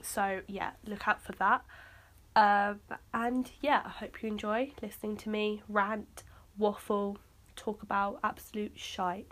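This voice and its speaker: A woman talks on her own solo podcast in a loose, chatty way. She rambles, and her sentences are full of fillers and restarts. Her voice sits at an ordinary pitch for a woman. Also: little pitch movement, a little slow, fairly bright tone. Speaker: podcast host. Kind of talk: casual solo podcast chat.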